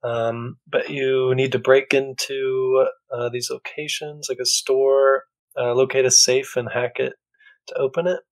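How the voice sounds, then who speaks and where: Young male co-host, enthusiastic, casual chat, fry in the voice. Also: mid-range voice, flat delivery, measured pace, rough recording. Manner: upbeat and enthusiastic, hesitant ums. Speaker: podcast co-host. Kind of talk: casual gaming podcast chat.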